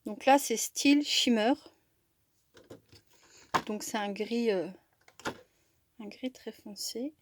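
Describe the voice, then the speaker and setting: Slow, hesitant woman showing craft supplies. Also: fairly high pitch, background noise. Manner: slow and hesitant, many fillers and restarts. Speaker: crafting vlogger. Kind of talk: casual product haul chat.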